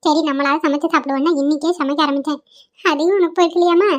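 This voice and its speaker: Cartoon dub: fast, high-voiced fussy old grandmother, a woman acting her, sentimental and scolding. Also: fairly even intonation, close to an everyday voice. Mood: fussing. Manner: lamenting, grumbling monologue.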